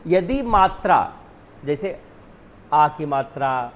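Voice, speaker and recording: A man's voice: on the high side, animated, slow pace, a little hiss or hum. A male teacher whose first language is Hindi, explaining spelling rules step by step, often asking and then answering his own questions. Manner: repeats "ठीक है ना", asks and answers own questions.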